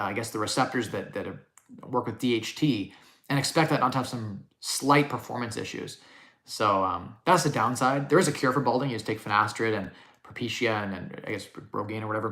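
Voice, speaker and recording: A man in his thirties talks quickly and casually as he hosts a live question-and-answer podcast. His voice is bright and forward, and he lays out plain numbers directly. The sound carries an echo from the room. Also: mid-range voice. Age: 30s. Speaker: podcast host.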